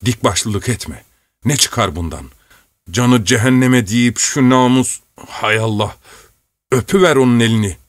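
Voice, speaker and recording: A man reading aloud voices an old male servant, urging his master in a hushed, coaxing way. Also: medium pitch, unhurried, no room sound, studio quality, close to an everyday voice.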